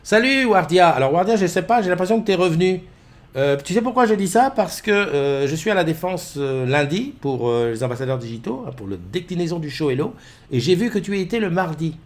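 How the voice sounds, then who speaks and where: A man's voice: high voice, expressive, fairly quick. A middle-aged man hosting a casual morning live stream from home, rambling with many fillers and greeting viewers by name at a desk mic. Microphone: desk mic with webcams.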